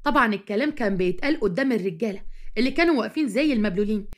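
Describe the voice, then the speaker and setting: Brief: Egyptian woman narrator, comic tale, rapid, slightly high voice. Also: lively intonation. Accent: Egyptian Arabic. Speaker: storyteller.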